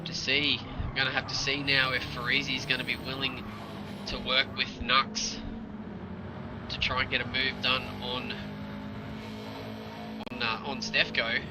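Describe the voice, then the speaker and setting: A man giving excitable play-by-play as a motorsport commentator during live racing. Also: medium pitch, measured pace, long pauses, loud music behind the voice. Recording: loud engine and vehicle noise behind. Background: loud car and vehicle noise.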